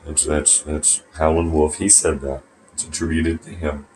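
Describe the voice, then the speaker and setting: In a small warm bathroom at home, a man records a rambling monologue to his phone camera, swearing and getting sarcastic. The vlogger has a rumbling low, darkish voice with little pitch movement and speaks at normal speed.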